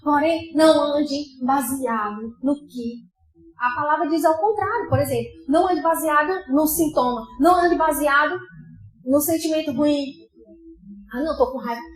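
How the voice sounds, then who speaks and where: High-voiced Brazilian woman preaching. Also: normal speed. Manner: impassioned, swings between loud outbursts and soft asides. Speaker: pastor preaching. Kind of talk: sermon. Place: church sanctuary. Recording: echoey church hall with faint music.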